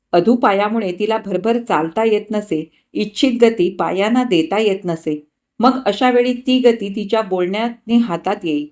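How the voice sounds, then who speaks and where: A woman narrating a novel in a calm, measured storytelling manner. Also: medium pitch. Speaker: audiobook narrator.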